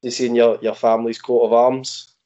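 A man's voice: mid-range voice, flat delivery, normal speed, dark tone. Broad glaswegian scottish guy just chatting, very slangy, mid voice, bit muffled recording. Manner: colloquial, sweary, acts out imagined quotes. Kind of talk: casual chat.

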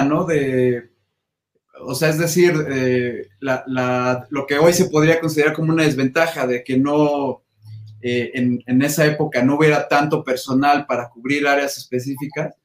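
A man's voice: fairly high pitch, steady tone, unhurried, roomy sound. A man hosting an interview, summing up his guest's point in a thoughtful, hesitant way with many fillers. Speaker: interviewer, host. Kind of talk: interview follow-up.

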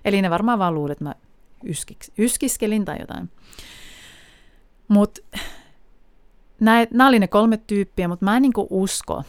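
A woman's voice: medium pitch, long pauses, dry recording. A woman from Finland hosting a podcast, telling wry, chatty stories in a casual monologue with frequent laughs. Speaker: podcast host.

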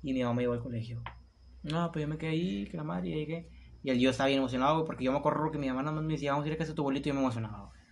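Fast-talking young Mexican man. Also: a little high, gravelly. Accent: Mexican Spanish. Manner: rapid, repetitive, peppered with slang fillers. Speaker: interviewee telling his story. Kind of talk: casual conversational storytelling.

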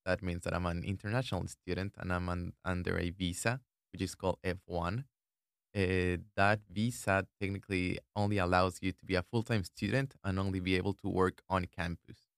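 A man's voice: low voice, little pitch movement, moderate pace, gravelly, clean tone, dry recording, clean studio sound. A young man, chatting in a laid-back, thoughtful way as a student guest. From Ecuador. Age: 20s. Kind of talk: casual chat.

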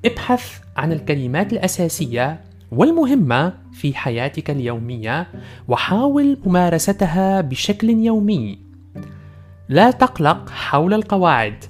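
A man's voice: on the high side, sing-song, normal speed, soft background music. A man hosting a language podcast, presenting a scripted lesson in carefully enunciated formal Standard Arabic and in English.

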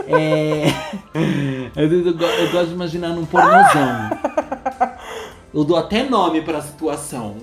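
A woman's voice: low voice, huge pitch swings, a little slow, long pauses, over loud music. A woman co-hosting a podcast, chatting casually and often exclaiming in embarrassment. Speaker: podcast co-host. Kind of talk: casual chat.

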